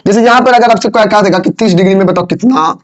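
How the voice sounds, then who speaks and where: A man's voice: high voice, fast. A man teaching physics, teasing and scolding his students and repeating phrases over and over. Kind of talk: classroom lesson. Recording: dull lo-fi sound.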